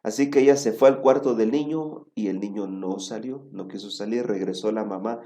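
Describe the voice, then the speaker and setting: A man preaching a sermon, telling a story and often checking with his listeners with a quick "right?". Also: on the low side, warm tone.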